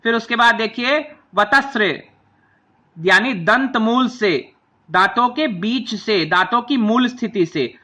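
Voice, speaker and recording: Bright, high-voiced man teaching grammar. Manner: slow, patient, spells out each sound one by one; asks the class to say the sounds along with him. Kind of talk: classroom lesson explaining a chart.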